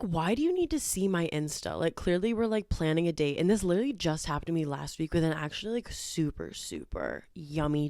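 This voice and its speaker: A young woman telling dating stories in a casual, animated storytime chat, joking and laughing as she goes. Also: low-pitched, no room sound, clean studio sound. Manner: chatty, animated, bursts of laughter and jokey made-up words.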